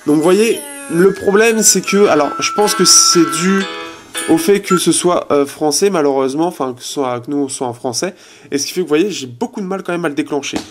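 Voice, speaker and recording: Over music, a man with a voice on the high side talks briskly through an informal phone review from his resonant apartment. A chatty tech reviewer, he fills gaps with fillers and trails off as he tries features.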